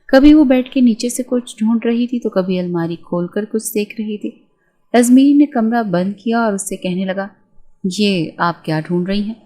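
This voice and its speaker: A woman narrating a romance novel in a steady storytelling manner. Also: on the high side.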